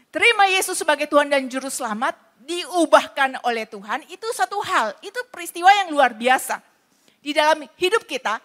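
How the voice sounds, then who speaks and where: A woman's voice: extremely high pitch, sharp tone. A woman pastor preaching a sermon in a church, earnestly explaining with everyday stories.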